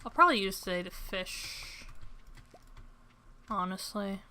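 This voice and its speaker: A young woman streaming a farming game, chatting to her viewers at a desk mic. Her voice is bright and forward, with self-deprecating asides, and keyboard typing clicks behind her. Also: mid-range voice, expressive, measured pace, slight background noise. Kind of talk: casual gameplay commentary.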